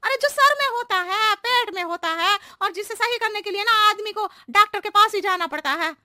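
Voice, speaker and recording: A woman's voice: very high voice, moderate pace, bright, forceful tone, no room sound, clean studio sound, exaggerated voice. A woman voicing a scatterbrained housemaid who talks in rambling circles and riddles in a comedy cartoon. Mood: coy, roundabout. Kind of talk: exaggerated Hindi cartoon comedy acting.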